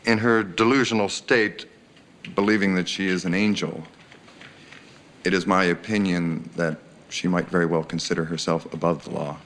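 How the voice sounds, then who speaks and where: Deep-voiced, clinical male psychiatrist. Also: fairly even intonation, moderate pace, fairly bright tone, slight background noise. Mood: clinical, certain. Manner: formal, clinical. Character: self-assured clinical male psychiatrist on the stand. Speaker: psychiatrist expert witness. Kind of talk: television courtroom drama acting.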